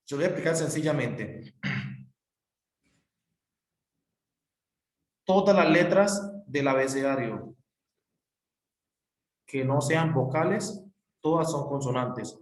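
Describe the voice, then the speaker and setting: Male teacher, mid-pitched, patient and repetitive, recorded in a roomy space. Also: drawn-out words, pauses often. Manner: patient, repetitive, spells out letters. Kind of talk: recorded classroom explanation. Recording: echoey room.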